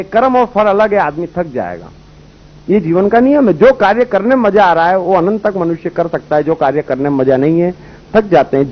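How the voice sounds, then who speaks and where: High-voiced man giving a spiritual talk. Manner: storytelling, rhetorical questions, voices characters in anecdotes. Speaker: spiritual speaker. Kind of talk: spiritual discourse with parables. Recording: dull lo-fi old recording.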